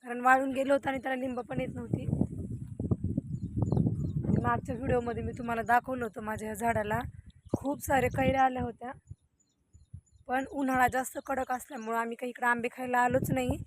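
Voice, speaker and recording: A young woman walks around a farm with a handheld phone, chatting straight to viewers in a casual vlog walkthrough. Her voice is fairly high with little pitch movement, a little fast, and she pauses often. Faint wind and outdoor noise sit in the background.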